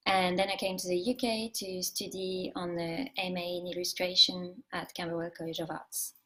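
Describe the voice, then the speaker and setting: A woman in her thirties from France with a strong French accent, giving a measured presentation about her work as a speaker. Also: fairly low pitch, little pitch movement, a bit bright, low-quality recording. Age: 30s. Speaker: guest speaker, live illustrator. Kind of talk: presentation talk. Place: remote call from home.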